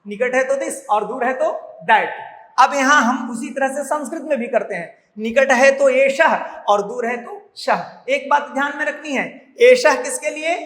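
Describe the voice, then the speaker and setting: A male teacher explains Sanskrit words one by one, repeating them patiently and quizzing his students. His voice is unusually high and bright. It rings around an echoey room with a long reverb tail. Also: a little hiss or hum. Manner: slow, repetitive, drills each word and asks the class questions. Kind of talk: classroom lesson explaining word meanings.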